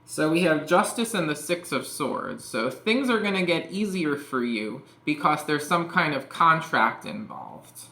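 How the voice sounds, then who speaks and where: A man's voice: a little high, lively intonation, unhurried, vocal fry, hardly any pauses, bright, forceful tone. Chatty man reading tarot, echoey room. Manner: rambling, full of "like" and "you know". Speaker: tarot reader.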